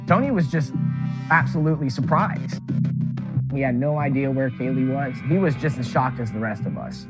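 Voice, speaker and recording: A man gives a conversational documentary interview. His voice sits at a middle pitch, and loud plucked-string music plays under it. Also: normal speed, low-quality recording.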